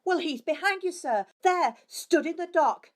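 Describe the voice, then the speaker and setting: A woman's voice: very high-pitched, animated, measured pace. A woman playing a theatrical pantomime actress recounting events in an amateur courtroom audio drama. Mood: dramatic.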